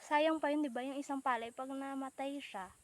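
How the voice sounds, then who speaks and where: Playful high-voiced woman vlogging outdoors. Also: steady tone, brisk. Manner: chatty, playful, mixes Tagalog and English. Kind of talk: casual vlog chat. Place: outdoors by rice fields.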